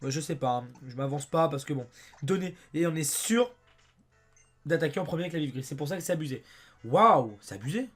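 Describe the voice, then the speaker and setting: A young French man with a hoarse voice, chatting excitedly as he plays a game and talks to his viewers. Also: on the high side, a little fast, faint music behind. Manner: chatty and excitable, often says "mes amis" and "abusé". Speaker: let's play host. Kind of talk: casual gameplay commentary.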